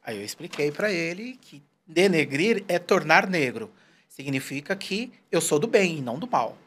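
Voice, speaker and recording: Interview guest, man, 40s, animated storyteller, swinging pitch, acts out quoted speech. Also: normal speed. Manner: animated, storytelling, quotes people in put-on voices. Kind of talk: casual interview conversation.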